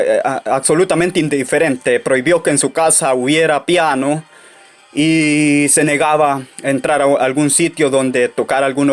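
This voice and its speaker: A man telling anecdotes in a casual monologue, halting often with fillers and restarts. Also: mid-range voice.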